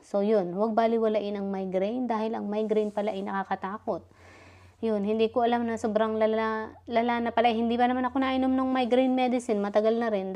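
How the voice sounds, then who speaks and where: A middle-aged woman with a mid-range, slightly mellow voice tells a personal story in a casual vlog, still a little dizzy. She chats along with lots of fillers and acts out the dialogue as she retells it.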